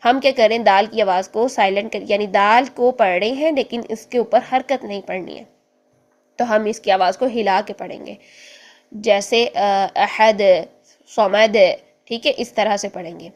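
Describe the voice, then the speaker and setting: A woman teaching an online Quran class, explaining letter sounds patiently and step by step, then slowly demonstrating each one. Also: medium pitch.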